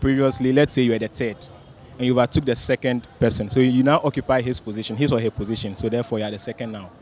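A man's voice: mid-range voice, steady tone, fast talker, a little mellow, slight background noise. A man, giving answers in a street interview. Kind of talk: answering street quiz questions. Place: busy outdoor spot under a city flyover. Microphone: handheld interviewer's microphone.

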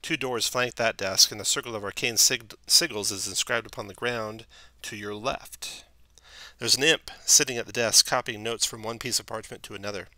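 A man's voice: lowish voice, steady tone, moderate pace, sharp tone, dry recording. A man narrating a tabletop game as game master, describing scenes and sometimes correcting himself.

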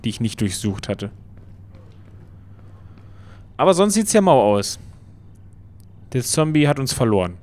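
Male Let's Play commentator, playful and chatty, mid-pitched voice. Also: unhurried, pauses often. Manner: playful, excitable, talks to the game. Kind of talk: casual gameplay commentary.

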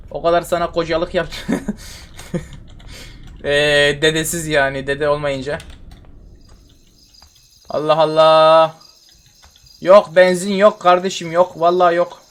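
Young man, slightly high voice, gameplay commentary, exasperated, repeats himself, mutters and swears. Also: fairly bright tone. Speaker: gamer streaming a horror game.

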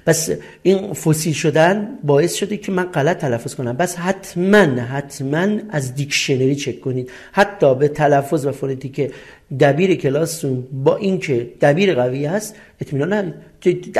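In a recorded English lesson, a middle-aged man with a Persian accent explains each point step by step, posing questions and answering them himself. His voice is a little high, expressive, and slightly mellow.

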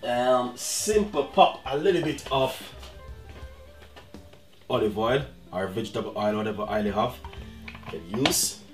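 A man's voice: mid-range voice, expressive, measured pace, long pauses. Chatty Jamaican man cooking, music behind. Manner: chatty, repeats "guys" and "you know what I mean". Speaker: cooking channel host. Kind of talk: casual cooking demonstration.

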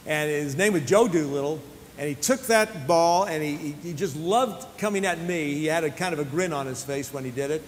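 A man giving a faith-based motivational talk to athletes, telling personal stories earnestly and often restarting his phrases. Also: normal speed. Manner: earnest storyteller with frequent restarts and fillers. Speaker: speaker addressing athletes. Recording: long hall reverb with faint low rumble.

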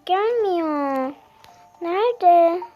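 A woman's voice: very high voice, lively intonation, very slow, lo-fi sound, faint music behind. A young girl narrating her game as a vlogger, searching aloud for friends and asking the same questions over and over. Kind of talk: casual gameplay commentary.

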